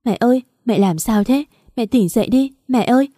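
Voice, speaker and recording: A woman's voice: medium pitch, measured pace, dark tone, dry recording, studio quality, lightly acted. A woman voicing a distraught young daughter who speaks in a tearful, pleading way.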